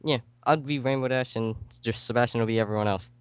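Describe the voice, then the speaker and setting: Chill guy joking around with friends, middle pitch, dull lo-fi call sound. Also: fast, clear, resonant tone, dry recording. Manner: joking, laid-back. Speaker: co-reader. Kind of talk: casual chat.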